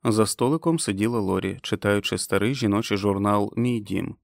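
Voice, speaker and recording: A man reading an audiobook in a steady, even narration. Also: on the low side, a little fast, creaky, no echo, clean studio sound. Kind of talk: scripted narration.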